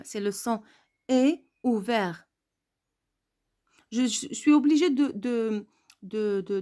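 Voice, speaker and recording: A woman with a somewhat high voice gives a grammar lesson. She talks at an unhurried, deliberate pace and says sounds and words twice so learners can follow. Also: a little mellow. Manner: slow, repeats words and letters to stress pronunciation. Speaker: French teacher.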